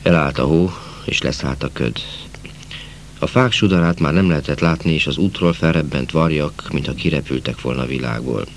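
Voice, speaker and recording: A man narrating a novel in a calm, measured reading voice. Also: a bass voice, a little hiss or hum. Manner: calm, measured, falling at sentence ends. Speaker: audiobook narrator.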